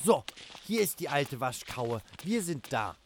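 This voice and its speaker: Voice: medium pitch, very animated, measured pace, a little hiss or hum. A performer playing a young child, teasing yet caring and curious, in a children's audio drama. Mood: thoughtful.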